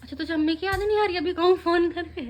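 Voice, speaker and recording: A woman's voice: extremely high pitch, fairly even intonation, fast, a little hiss or hum. A woman hosting a casual family vlog, chatty and teasing, talking straight to her viewers while filming on a handheld phone. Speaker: family vlogger.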